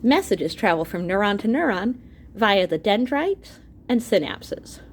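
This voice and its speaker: Like a teacher with students, a woman reads an illustrated science book aloud, her mid-pitched voice rising and falling in a lively, expressive way. She pauses to explain terms as she goes, with a little background noise.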